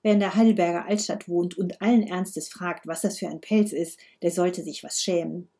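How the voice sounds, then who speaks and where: A woman's voice: lowish voice, steady tone, moderate pace, dark tone, breathy edge. A woman voicing a brusque, sarcastic older woman, a grandmother, while reading a novel aloud. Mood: scornful. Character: grumpy sharp-tongued older woman, a grandmother, reckless driver.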